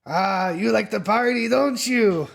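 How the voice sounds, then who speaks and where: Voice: mid-range voice, a little slow, vocal fry, voice pushed up. A game master voicing a shady, eager human drug dealer who hangs out in a club, talking in a pushy, wheedling way.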